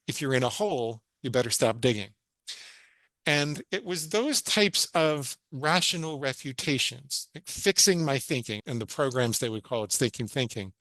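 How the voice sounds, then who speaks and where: A man's voice: mid-range voice, fairly bright tone, no room sound. A middle-aged man from New York, a psychologist guesting on a podcast, telling his own story in an earnest, explaining way and often quoting his past thoughts. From New York, USA. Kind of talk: personal storytelling in a podcast interview.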